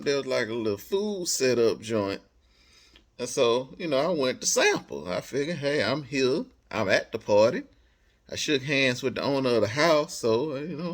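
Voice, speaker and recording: In a mid-range voice, an American man narrates something that happened to him, keeping it casual. He's animated and slangy, voicing lines of dialogue as part of the telling.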